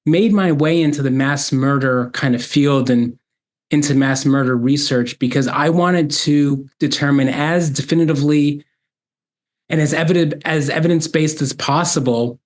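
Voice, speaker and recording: A man who is a guest psychiatrist, explaining his path in a measured, explanatory way. His voice is mid-pitched and plain, as he talks in an interview. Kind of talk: interview answers.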